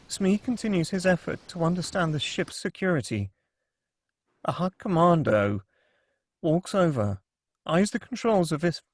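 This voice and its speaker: A man with a slightly high, husky voice that has an unclear edge narrates stage directions during a table read. There's no echo on the recording.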